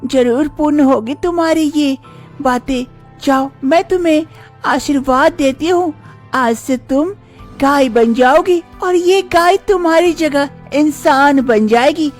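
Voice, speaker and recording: Woman playing a gentle, motherly goddess. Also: high-pitched, takes it slowly, faint music behind, voice pushed up. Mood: benevolent. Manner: soothing, motherly and commanding. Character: benevolent goddess granting a boon, female.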